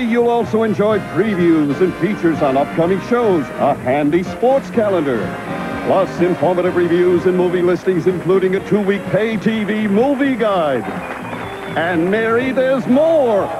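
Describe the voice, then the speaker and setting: High-pitched chipper game show host. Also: male voice, rough recording. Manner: chipper, exclamatory showman. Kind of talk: game show announcer parody ad read. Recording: music bed behind the voice.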